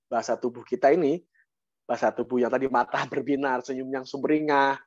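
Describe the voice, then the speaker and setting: A man with an Indonesian accent giving a motivational mentoring talk on an online call, lively, with sudden rises and repeated phrases for emphasis. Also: mid-range voice, a little fast, no room sound. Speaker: guest speaker, business mentor. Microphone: online call microphone. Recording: dry, dull online-call audio.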